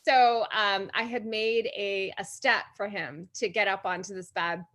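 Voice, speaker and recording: A woman from Hawaii talks as a podcast guest, her voice bright and forward. She rambles warmly through her answers, stopping to restart sentences and laughing often. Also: mid-range voice, steady tone, unhurried. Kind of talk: casual interview chat.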